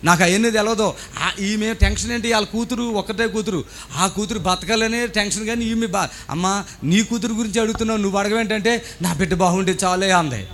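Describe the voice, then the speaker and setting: A man's voice: sits high, fairly quick, fairly bright tone, a little hiss or hum. A man preaching as pastor at a healing service, fervent and exhorting, questioning people on stage.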